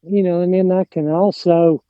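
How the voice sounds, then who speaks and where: A man's voice: sits high, steady tone, normal speed, smooth, no echo, dull audio. A middle-aged man with an Appalachian mountain accent chatting casually, rambling and hesitant, often trailing off. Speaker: podcast guest, lawn care business owner. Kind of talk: casual chat.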